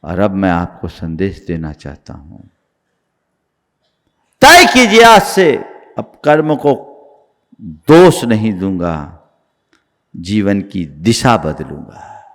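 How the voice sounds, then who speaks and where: A man preaching a sermon as a monk, emphatic, with rhythmic slogans and sudden drops to quiet. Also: low-pitched, wildly swooping pitch, slow pace, pauses often. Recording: long hall reverb.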